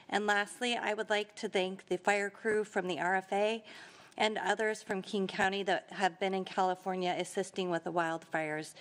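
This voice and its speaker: Woman councilmember, steady prepared read-out of committee news. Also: mid-range voice. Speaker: city councilmember.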